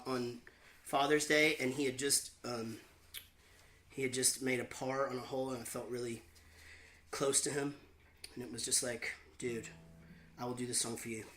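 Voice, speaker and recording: A man hosting his own show, chatting and telling rambling, self-mocking stories between songs with deadpan jokes. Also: medium pitch. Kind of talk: casual banter between songs. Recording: roomy echo with faint guitar.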